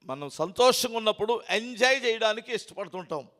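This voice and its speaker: A man preaching a sermon as pastor, alternating loud emphatic declarations with quiet, lowered asides and rhetorical questions to the congregation. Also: animated, fairly quick. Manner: emphatic, rising to loud declarations then dropping low. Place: church hall.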